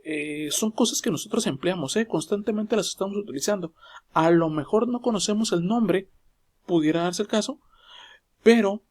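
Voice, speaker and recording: Patient high-voiced male teacher. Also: normal speed, a little mellow. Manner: patient, repetitive, many "eh" fillers. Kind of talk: recorded class explanation.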